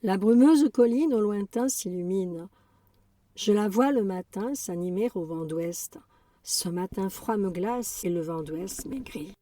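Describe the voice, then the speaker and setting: A woman's voice: mid-range voice, measured pace, warm tone, recorded from a distance. A woman reciting poetry aloud, pressing hard on each stressed syllable. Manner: stressing each tonic accent. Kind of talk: verse declamation.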